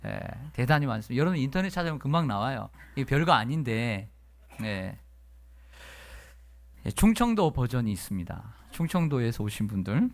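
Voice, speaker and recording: A middle-aged male pastor preaching at a revival service in a church, lively and playful as he reads from the text. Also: mid-range voice, normal speed. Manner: reads dialect versions of a psalm with lively playful delivery. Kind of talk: revival sermon. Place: church sanctuary.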